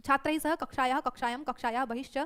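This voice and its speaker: A woman's voice: high-pitched, fairly even intonation, quick pace, a bit bright, clear, resonant tone. A woman teacher giving an online exam-prep lecture, drilling students with repeated rhetorical questions.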